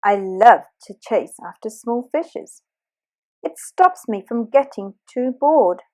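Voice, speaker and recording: A woman's voice: on the high side, lively intonation, slow, a little mellow. A woman reading aloud, voicing a swordfish who boasts playfully about chasing small fish. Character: hungry, playful swordfish hunter.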